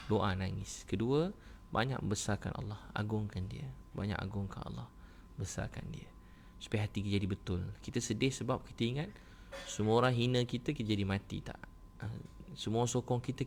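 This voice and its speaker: Gravelly low-voiced Malaysian preacher. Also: male voice, slight background noise. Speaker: ustaz preacher on a livestream. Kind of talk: casual livestream preaching.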